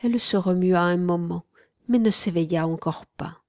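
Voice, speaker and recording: A woman narrating a literary audiobook in a slow, hushed manner, often sinking to a whisper. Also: lowish voice, no echo, studio quality.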